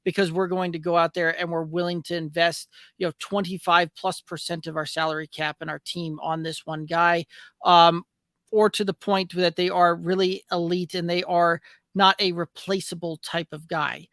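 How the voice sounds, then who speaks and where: Bright-voiced man on a glitchy call. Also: fairly high pitch, level tone, moderate pace, no echo, studio quality. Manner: rambling, hesitant with many fillers. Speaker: podcast co-host. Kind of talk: casual fantasy football chat. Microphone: remote call over internet. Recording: glitchy digitized internet call audio.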